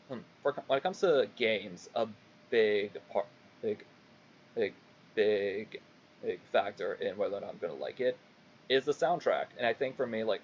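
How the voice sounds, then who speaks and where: Young male VTuber, casual and halting solo stream chat, sweary, muffled lo-fi mic with light noise. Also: on the low side. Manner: halting, rambling, frequent swearing. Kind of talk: casual livestream monologue. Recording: dull lo-fi mic, faint background noise.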